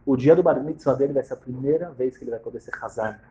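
A man preaching a sermon, telling a parable theatrically, from hushed to loud. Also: medium pitch, quick pace, muffled recording.

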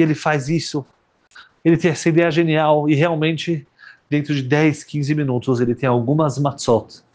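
Dramatic storytelling rabbi. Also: male voice. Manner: dramatic, swings from loud cries to hushed low tones.

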